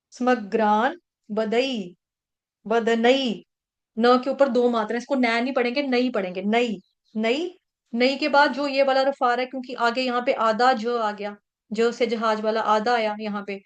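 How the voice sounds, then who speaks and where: Patient woman teaching verses syllable by syllable. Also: on the high side. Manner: patient, breaks words syllable by syllable. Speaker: online Sanskrit verse teacher. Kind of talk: online class teaching verse recitation. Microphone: video call.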